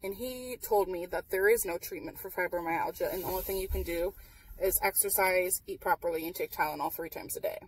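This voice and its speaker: A woman's voice: fairly low pitch, a little fast, slightly rough, recorded from a distance, rough recording. Tired young woman chatting in a car. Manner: candid, matter-of-fact, many fillers. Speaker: vlogger. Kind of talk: casual chat. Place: parked car at night. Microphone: camera on dashboard. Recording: voice a little off-mic in car.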